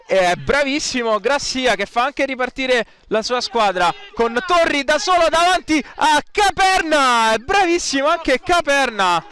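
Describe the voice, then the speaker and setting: A male sports commentator calls futsal highlights in a very high-pitched voice. His delivery is excitable and swings very widely in pitch, stretching out words for goals, while the overall pace stays unhurried. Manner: excitable, rising to drawn-out shouts on goals.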